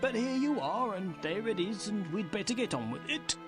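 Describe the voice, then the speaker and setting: A man's voice: high voice, expressive, moderate pace, music in the background. A man playing a gloomy, folksy lift attendant in a video game, resigned and rambling. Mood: resigned, dutiful. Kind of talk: video game character acting.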